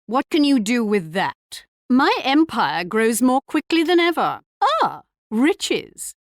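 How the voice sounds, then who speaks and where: A woman's voice: medium pitch, no echo, clean studio sound. An actress playing a haughty queen in a strategy video game, speaking in a regal, arch, mocking manner. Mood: commanding, then smug triumph. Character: haughty English queen leading her empire, taunting rivals. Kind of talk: scripted strategy game taunts and announcements.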